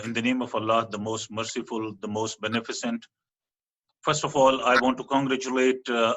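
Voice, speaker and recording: A man's voice: medium pitch, pushed and bright, low-quality recording. A man speaking as guest and general secretary, giving an earnest formal speech with hesitant fillers.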